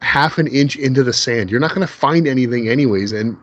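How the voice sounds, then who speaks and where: A man's voice: medium pitch, a little fast, lo-fi sound. A man co-hosting a podcast in casual chat, eagerly quoting movie lines and repeating his words as he gets going. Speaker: podcast co-host.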